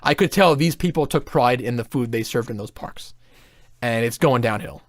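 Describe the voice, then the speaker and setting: A man's voice: medium pitch, normal speed, no room sound. A man in casual podcast chat, reviewing theme parks in a blunt, opinionated way and swearing freely.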